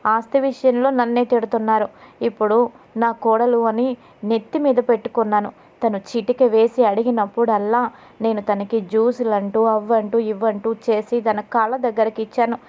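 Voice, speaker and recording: A woman's voice: fairly high pitch, little pitch movement, normal speed, highs cut off, close to an everyday voice. A woman narrator voicing a harsh, scheming middle-aged mother-in-law who speaks bluntly and scolds. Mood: aggrieved.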